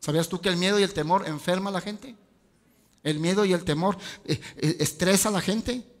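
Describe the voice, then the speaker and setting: A man's voice: high voice, fairly quick. A male pastor, preaching a sermon with rhetorical questions and casual asides. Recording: long hall reverb.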